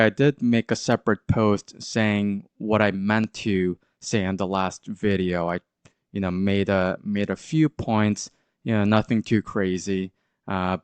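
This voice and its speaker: Hosting his crypto channel, a man with a sore throat and congested voice talks through market charts as casual commentary, full of hesitant fillers and restarts. His voice is fairly low, clear and resonant, with no room sound.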